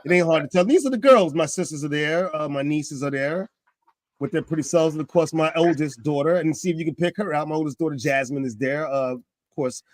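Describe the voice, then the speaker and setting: A man in his fifties hosting a casual talk show, animated, his pitch climbing when he gets excited. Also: fairly quick, dry recording. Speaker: podcast host.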